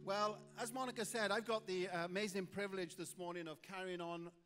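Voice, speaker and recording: A man's voice: sits high, fairly even intonation, fairly quick, fairly bright tone, smooth, big-room sound, soft background music. A man with a Welsh accent preaching a Sunday sermon as pastor, chatty and informal, with many fillers and restarts. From Wales. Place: church auditorium.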